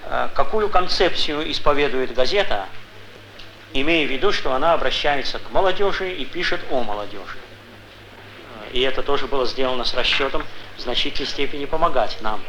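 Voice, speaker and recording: A man's voice: mid-range voice, animated, a little fast. Male newspaper editor, mid-range voice, wordy meeting talk with hesitations, noisy vintage location recording. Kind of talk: semi-formal speech at an editorial meeting. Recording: noisy old film location sound.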